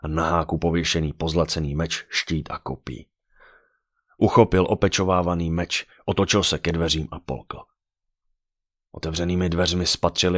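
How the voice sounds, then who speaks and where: A man narrating a dark fantasy audiobook with dramatic storytelling. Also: low-pitched, no room sound, studio quality.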